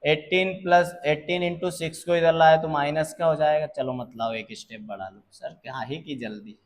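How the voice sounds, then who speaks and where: A man tutoring physics, slowly working through exam problems and checking that students follow. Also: a little high. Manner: calls students "beta", checks understanding; slow, deliberate explaining.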